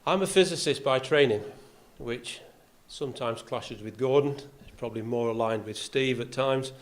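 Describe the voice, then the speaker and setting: A little hiss or hum sits under the medium-pitched, normal-speed voice of an older man from Yorkshire, England. As the golf club's vice captain, he speaks to an audience in the clubhouse function room with a faint accent, dry self-deprecating humour, and frequent "uh" fillers.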